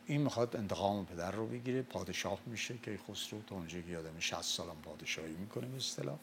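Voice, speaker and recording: An older man from Mazandaran, telling and explaining old epic tales in a relaxed talk. He recites lines of verse slowly and loudly, then goes back to plain speech. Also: deep voice, gravelly, background noise. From Mazandaran, Iran. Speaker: storyteller discussing the Shahnameh. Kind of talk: casual lecture-style talk.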